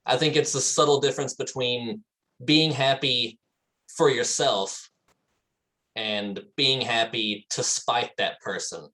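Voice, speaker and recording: A man's voice: medium pitch, fairly even intonation, slow, pushed and bright, low-quality recording. A man in a meditation class, sharing a thought and searching for words as he goes. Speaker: class participant. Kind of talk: sharing in a group discussion.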